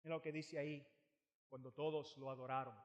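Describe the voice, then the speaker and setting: A man preaching a sermon, retelling a Bible story dramatically, swinging from loud emphasis to hushed lines and repeating phrases for weight. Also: a little high, flat delivery, a little fast, muffled recording.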